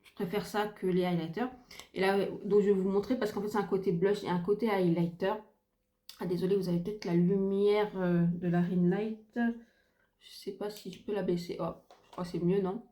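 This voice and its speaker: Middle-aged woman, mellow voice, chatty home beauty vlog, gushing with fillers and repeats. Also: medium pitch, level tone, normal speed, echoey room. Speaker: beauty vlogger. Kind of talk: casual makeup review chat. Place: home room by a window, ring light. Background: faint sounds of kids gaming and neighbour's renovation.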